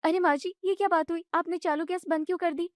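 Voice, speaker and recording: A woman voicing a young newlywed daughter-in-law who argues back in a high, exasperated voice. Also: steady tone, quick pace, no room sound, clean studio sound. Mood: indignant. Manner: high, protesting complaints.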